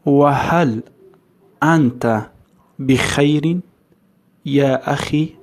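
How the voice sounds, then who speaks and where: Man teaching in short, measured phrases. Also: fairly high pitch. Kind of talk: modelling dialogue phrases for learners.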